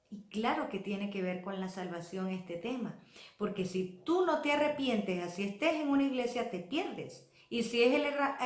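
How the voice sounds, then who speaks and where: A woman's voice: on the high side, reverberant. A woman preaching a sermon in a church, earnest and pleading, acting out the voices she quotes. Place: church hall.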